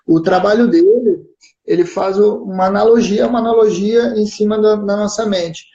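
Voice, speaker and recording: A man with a southern Brazilian gaúcho accent explains his point patiently, checking in with his listener as he goes. His voice is warm and mellow. It comes through a roomy, somewhat dull live-stream feed. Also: sits high, fairly even intonation, normal speed. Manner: explains patiently with frequent "né?" and "certo?" check-ins. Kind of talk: explanatory casual chat.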